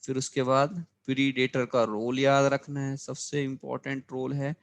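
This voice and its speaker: A man teaching a biology lesson for exam preparation, going over his class notes, repeating key terms and asking students if it is clear. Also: mid-range voice, flat delivery, unhurried. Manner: addresses students as children, frequent reminders to remember.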